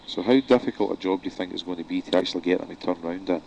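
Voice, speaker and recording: A man's voice: sits low, rapid-fire, gravelly, darkish tone, slight background noise, poor audio. A man hosting a radio interview, asking blunt questions. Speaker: radio host.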